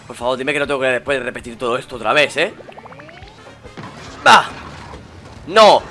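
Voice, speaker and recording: An excitable let's play host from Spain, speaking with a Spanish accent at medium pitch and very fast, comments on a video game while playing. Between loud reactions he reads the game's dialogue aloud, with soft music in the background.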